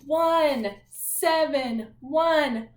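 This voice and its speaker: Speaking extremely slowly in a high-pitched voice, a woman elementary teacher guides young kids through a read-aloud math lesson. She sounds encouraging and singsong and keeps asking questions; the room is echoey.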